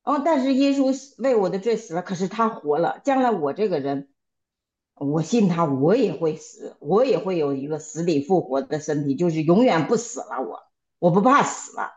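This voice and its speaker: A woman sharing a personal testimony in a Bible study group, halting and often repeating and restarting her words. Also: on the low side, animated, a little mellow, lo-fi sound. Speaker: church member sharing testimony.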